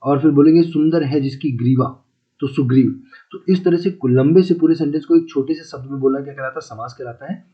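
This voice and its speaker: A man's voice: a little high, a little fast. A man teaching a casual exam-prep Hindi lesson, repeating key words and asking listeners if they follow. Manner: repeats key words, asks checking questions; chatty, calls listeners brother and friends. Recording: slightly dull lo-fi audio.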